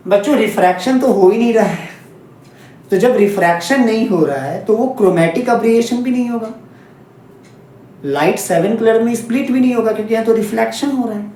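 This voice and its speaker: Recorded on a distant mic in a very echoey room, a high-voiced man with a dark tone talks fairly quickly. He teaches physics for exams, going over key points repeatedly and frequently checking that his students are following.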